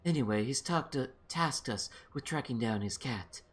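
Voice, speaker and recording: A man's voice: mid-range voice, animated, normal speed, breathy edge. A man casually playing through a video game on stream, reading its text aloud and muttering asides. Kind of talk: let's play commentary, reading game text.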